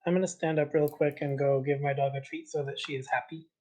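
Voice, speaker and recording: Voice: mid-range voice, steady tone, fast talker, noisy background. A cheerful, chatty co-host talking casually on a live stream.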